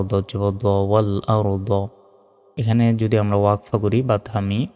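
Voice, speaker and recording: Slow, smooth-voiced man teaching Quran reading. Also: on the low side, a little mellow. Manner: slow, drawn-out teaching with melodic chanting of verses. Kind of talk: spelling out Arabic letter by letter, then chanted recitation. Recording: long reverb, faint music.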